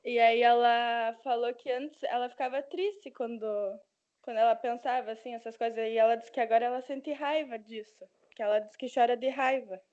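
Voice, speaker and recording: A young woman in a student's role speaks up in an online class, rambling through her account with plenty of fillers. Her voice sits a little high, and the audio comes through dull and lo-fi. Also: steady tone, normal speed, darkish tone. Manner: rambling, many fillers like "assim, sabe". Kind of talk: student telling a story in class.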